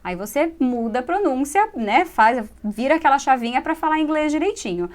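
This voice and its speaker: A Brazilian woman hosts an English lesson on television, speaking in a high voice. She explains patiently and keeps checking in with her audience, often adding "né?". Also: lively intonation, normal speed. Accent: Brazilian Portuguese. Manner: explanatory, frequent tag "né?". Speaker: English teacher and show host.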